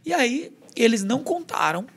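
A man's voice: extremely high pitch, moderate pace, creaky, breathy edge. A man with a Brazilian accent, a pastor and podcast guest, telling a personal testimony in casual chat and acting out the dialogue in a raised voice. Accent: Brazilian Portuguese. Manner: lively retelling that acts out quoted dialogue in a raised voice.

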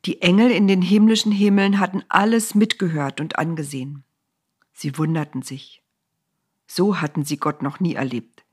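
A woman narrating a children's storybook aloud in an expressive, lively way. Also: fairly low pitch, normal speed, slightly rough.

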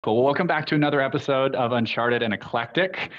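A man's voice: mid-range voice, fast talker, muffled recording, very noisy. A man hosting a podcast, asking loose, friendly questions full of fillers. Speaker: podcast host. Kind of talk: casual interview hosting.

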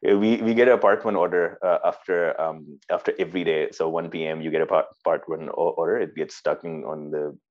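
A man with a Pakistani accent and a deep voice chats informally as he tells stories. He often stumbles and repeats words as he goes. The recording sounds a little muffled. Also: fairly even intonation, fairly quick, few pauses. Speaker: interview guest, former army cadet. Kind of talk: casual conversational storytelling.

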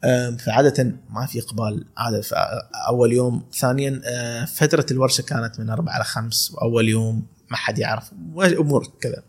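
Talking fast with few pauses, this Emirati-accented man in his twenties has a husky, medium-pitched voice, with faint music behind him. He's a calligrapher from Khor Fakkan, UAE, chatting casually on a podcast. His storytelling is full of laughter and restarted sentences.

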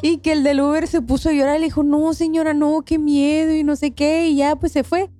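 A woman with a Mexican Spanish accent telling a spooky anecdote in lively, casual podcast chat. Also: high voice, fast talker, no room sound. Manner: lively, laughs while telling. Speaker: podcast co-host.

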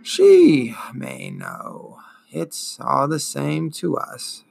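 A man's voice: medium pitch, huge pitch swings, gravelly, a little mellow, exaggerated voice. Morla, a man voicing an ancient, gloomy giant turtle. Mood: weary gloomy. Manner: slow, gloomy, wheezing drawl.

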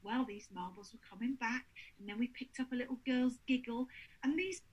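High-voiced chatty woman. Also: fairly quick, slightly rough, dull audio. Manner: animated storyteller, acts out quotes. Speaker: paranormal investigator. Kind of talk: casual chat.

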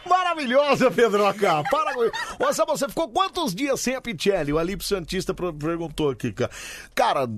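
A man's voice: sits high, quick pace, background noise. A man co-hosting a casual chat, teasing and laughing often. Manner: laughs often, loud bursts of amusement; teasing, animated. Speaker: podcast co-host.

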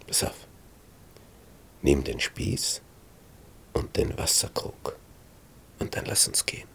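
A man voicing an eager male soldier who whispers urgently and slowly in the dark. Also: very deep voice, sing-song, gravelly, slight background noise, heavily acted.

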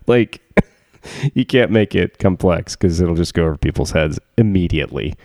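A man's voice: low-pitched, animated, moderate pace, darkish tone, no room sound, studio quality. A man co-hosting a casual tech podcast, rambling with lots of fillers and frequent laughs. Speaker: podcast co-host, tech worker. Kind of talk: casual chat.

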